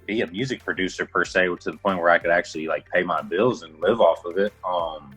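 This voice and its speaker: A young man from Houston, Texas with a very low, husky voice, talking about his work in a laid-back interview. He rambles casually with plenty of filler words, and soft music plays faintly behind him. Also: fast, rough recording. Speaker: music producer guest. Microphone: livestream call.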